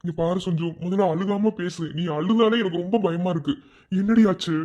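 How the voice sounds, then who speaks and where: A man's voice: sits high, fairly even intonation, moderate pace, a little mellow, dull audio, lightly acted. A man voicing a young man working abroad in a cartoon love story, soothing and insisting that his partner trust him. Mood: reassuring.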